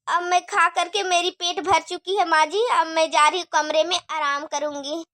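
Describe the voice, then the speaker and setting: A woman's voice: very high-pitched, fairly even intonation, normal speed, bright, forceful tone, no room sound, pitched below the performer's own voice. Woman voicing a cheeky lazy young daughter-in-law. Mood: sarcastic. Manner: teasing, sarcastic.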